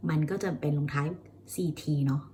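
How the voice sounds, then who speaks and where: A woman English teacher with a Thai accent, chatting casually about her practice and slowly drilling English words over and over. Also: low-pitched, darkish tone, a little hiss or hum. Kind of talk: casual vlog-style pronunciation lesson.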